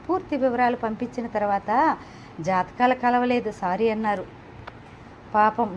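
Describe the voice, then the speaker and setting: A woman's voice: a little high, a little mellow, a little hiss or hum. A woman reading a novel aloud, narrating and speaking every character's lines in much the same voice. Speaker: audiobook narrator. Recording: slightly dull, lo-fi home recording.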